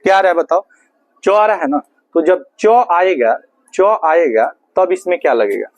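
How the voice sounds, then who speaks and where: A man teaching a grammar class, asking questions and answering them himself, and spelling words out slowly letter by letter. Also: high voice, expressive, no echo. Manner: asks questions and answers them himself, calls students "babu".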